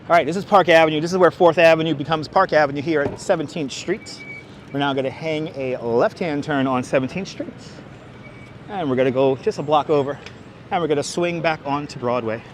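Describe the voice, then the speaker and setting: On busy Manhattan sidewalks, a walking tour host streams live, his voice on the high side and his pace a little fast. He speaks in a thick Brooklyn accent, chatting casually and remarking on the street. The outdoor audio clearly carries traffic, vehicles, and ambient city noise.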